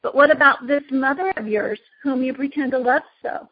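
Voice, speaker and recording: Woman reading as husky, imperious witch queen Jadis. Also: high voice, normal speed, no echo, muffled recording. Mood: scornful, urgent. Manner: imperious, persuasive, archaic storybook speech. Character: proud, tempting evil witch queen, scornful and commanding.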